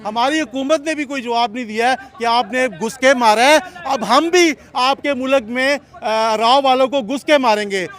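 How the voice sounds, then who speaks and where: As an interviewee offering a heated street opinion, a man with a Pakistani Urdu accent speaks impassionedly, full of rhetorical questions and repeating "theek hai?". His voice is very high and a bit bright, at normal speed with hardly any pauses.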